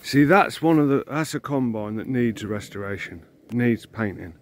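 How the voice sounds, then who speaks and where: Filming on a handheld phone, this vintage combine owner circles his old machine in an overgrown field and thinks out loud. His medium-pitched voice has lively intonation and a moderate pace. The walk-around talk is loose and meandering, full of ums and false starts.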